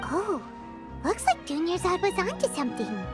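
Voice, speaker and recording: A woman voicing a small, excitable, childlike fairy companion with a squeaky voice in a video game. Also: moderate pace, loud music behind the voice. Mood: curious. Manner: exclaiming, speaks of self in third person.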